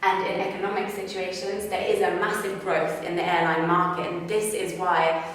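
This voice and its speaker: A woman's voice: lowish voice, level tone, normal speed, a bit bright, a little hiss or hum. A woman giving a team case presentation in a formal, explanatory way. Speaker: student presenter. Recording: echoey hall from a distance.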